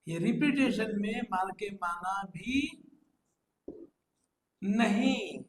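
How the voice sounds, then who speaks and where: A man's voice: high voice, reverberant, rough recording. A man with an Urdu accent teaching Quranic Arabic grammar in an online class, drilling verb forms aloud and praising his students.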